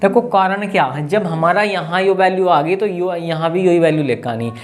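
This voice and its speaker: A high-voiced man teaches a math class with a tinge. He works through each step aloud and keeps asking his students questions. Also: normal speed. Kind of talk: classroom lesson.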